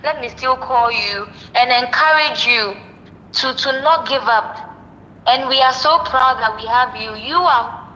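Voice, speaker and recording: Bright-voiced woman over a phone speaker. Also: on the high side, in a large hall, slight background noise, poor audio. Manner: earnest, encouraging, repeats words. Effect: heard over a phone on speaker. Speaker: caller, a friend of the host. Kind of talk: casual phone call.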